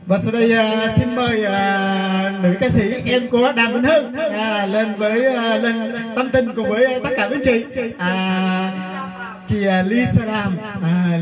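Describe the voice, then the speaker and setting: A man's voice: high-pitched, far from the mic. A man hosting a livestream show, introducing a guest singer, with a hesitant delivery full of filler sounds. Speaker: show host.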